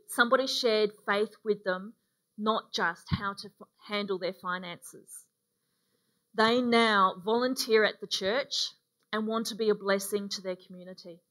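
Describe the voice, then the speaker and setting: A middle-aged woman preaching a sermon in a relaxed, conversational way with frequent ums, speaking from a lectern on a church stage. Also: fairly high pitch. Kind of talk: sermon with a mission story. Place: dark church stage, indoors.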